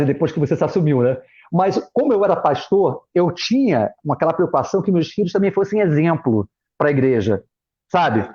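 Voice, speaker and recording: A middle-aged Brazilian man with a high, slightly husky voice tells personal stories as a guest in a relaxed chat. He is a former pastor and acts out his children's voices as he goes. The sound is dull and lo-fi, like a streamed call. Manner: animated, acts out family members' voices in quotes. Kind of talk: casual chat, personal storytelling. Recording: muffled lo-fi live stream audio.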